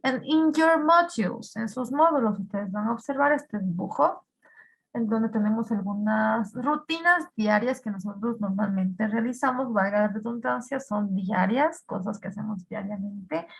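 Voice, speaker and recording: A woman teaching an English class, repeating each phrase slowly in English and then giving it in Spanish, with an Ecuadorian accent. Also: a little high, gravelly, husky, rough recording. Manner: slow repetitive drilling of words, switching between English and Spanish. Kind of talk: bilingual online class.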